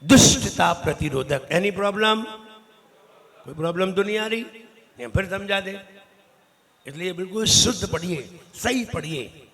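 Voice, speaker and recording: A male monk teaches a recitation class and corrects his students syllable by syllable. His voice is high and bright, and he speaks at an unhurried pace. The sound rings through a large temple hall with a long echo.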